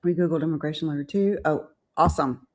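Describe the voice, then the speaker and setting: A woman's voice: deep voice, fast, darkish tone. A woman hosting a casual livestream chat, chatty and bubbly. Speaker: host.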